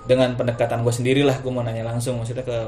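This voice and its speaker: A man talks quickly in loose street slang, trading stories in an informal chat. His voice sits at a middle pitch. The room is echoey, with music playing underneath. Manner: fast, slangy Jakarta street talk, lively asides. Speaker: interviewer. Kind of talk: casual storytelling chat.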